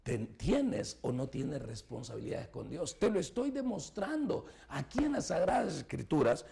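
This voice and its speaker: Gravelly, animated preaching man. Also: a little high, normal speed. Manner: emphatic preaching with rhetorical questions to the listener. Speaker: pastor. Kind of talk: sermon.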